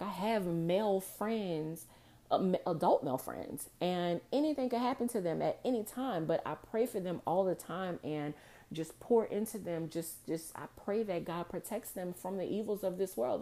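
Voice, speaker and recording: Young woman ranting on her podcast, lowish mellow voice, heated and swearing, kinda choked up. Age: young adult. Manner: impassioned, frustrated venting with profanity; emotional, near tears. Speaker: podcast host. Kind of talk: personal podcast monologue.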